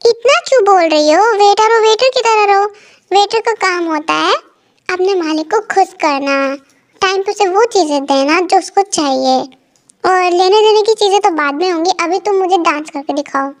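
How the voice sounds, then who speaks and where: A woman's voice: very high-pitched, moderate pace. Woman voicing a sleazy leering bar thug. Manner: mocking, leering. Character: sleazy young male bar thug, taunting.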